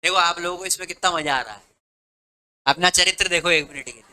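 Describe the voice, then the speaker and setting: A male commerce teacher from Rajasthan, India, lectures a classroom of students, switching between Hindi and English and quizzing them with the same question again and again. His high voice is very bright and sharp, brisk and clean in tone, though the recording quality is low.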